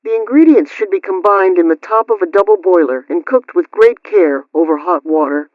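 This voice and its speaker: Playing a radio host, a high-pitched man reads scripted household tips in a formal, instructional way, enunciating carefully and moving from question to answer. He's animated and moderately paced. The recording is dry, with a dull lo-fi radio quality.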